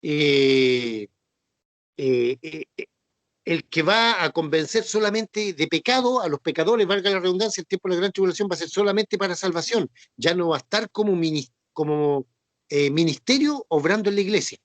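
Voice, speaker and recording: A man delivers a Bible teaching sermon in a high voice. He repeats his points patiently and keeps asking if the listeners follow. The sound is dry and close, with no room echo. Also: expressive, moderate pace. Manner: repetitive, checks understanding with tag questions. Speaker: preacher.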